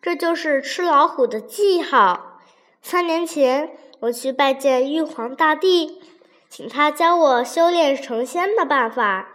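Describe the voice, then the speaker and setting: A woman's voice: sits high, takes it slowly, fairly bright tone. A woman voicing a clever but timid young male sika deer who bluffs while trembling. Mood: bluffing.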